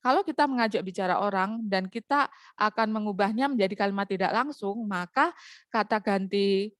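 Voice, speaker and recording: Woman teacher, patient step-by-step grammar lesson, mid-pitched voice, dry close recording. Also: fairly quick, fairly bright tone, dry recording. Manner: explains patiently with frequent "nah" and "ya".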